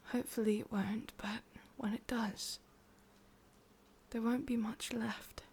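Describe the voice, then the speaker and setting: A woman with an English accent voices a sorrowful, obsessive witch, tender yet menacing, in an intimate ASMR roleplay. Her medium-pitched voice is soft, breathy and mostly whispered, coming in halting, confiding whispers with a tender, wistful mood.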